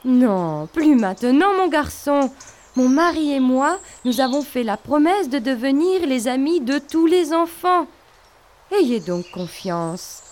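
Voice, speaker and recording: A woman voicing a kind, motherly ogress in a storybook, speaking slowly and soothingly. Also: high voice, sing-song, a little mellow, slight background noise, heavily acted. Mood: reassuring. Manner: slow, soothing and reassuring. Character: kind gentle female ogress, large and motherly. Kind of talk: storybook voice acting.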